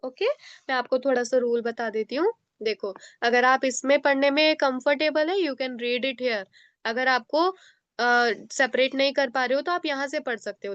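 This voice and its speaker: An Indian woman teaching a children's class over a video call, explaining slowly and patiently step by step. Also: sits high, a bit bright, no room sound. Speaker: online teacher. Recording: dull lo-fi video call audio.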